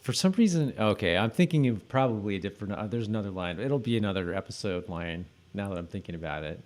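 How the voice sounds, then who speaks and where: Here a fast-talking podcast co-host with a fairly low, expressive voice and a darkish tone discusses a TV episode. The conversation is casual and loose, with some hesitation in how he talks.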